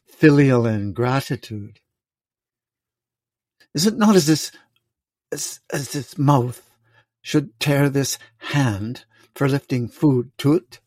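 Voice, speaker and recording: An aging, raging king in a storm, as a man reads him aloud. The lines come slow and weighty, with long pauses between phrases. The voice is close and dry, with no room around it. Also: medium pitch, animated, darkish tone, dry recording. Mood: anguished. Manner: slow, declaiming verse with heavy pauses. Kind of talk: reading a play aloud.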